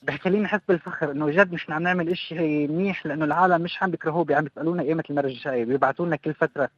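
A man's voice: fairly high pitch, very fast, no echo, lo-fi sound. A man with a Palestinian-Jordanian Levantine Arabic accent chats casually as an interview guest, mixing English words into his speech. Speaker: interview guest, craft project co-founder. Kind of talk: casual radio interview talk.

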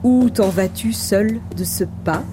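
A woman's voice: medium pitch, slow pace, background noise, close to an everyday voice. A woman voicing a big, hungry male wolf who speaks in a honeyed, sly way in a children's storybook.

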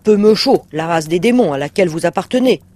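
A man's voice: high-pitched, lively intonation, fast. A man voicing a greedy, cunning red-scaled male demon in an audiobook reading, sly and blustering. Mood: scornful. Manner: sly, blustering, sometimes shouting.

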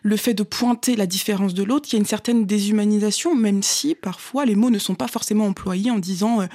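A woman from Congo speaks as a guest on a radio discussion. She explains things in a measured, careful way and often pauses on fillers while she finds her words. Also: medium pitch, mellow. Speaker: studio guest.

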